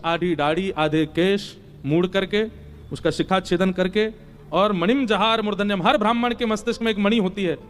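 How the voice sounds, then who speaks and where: A young man with a high voice tells a devotional story sermon. He slips into the voices of the figures as he narrates. Soft music plays faintly underneath. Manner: acts out dialogue of figures in the story. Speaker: spiritual storyteller.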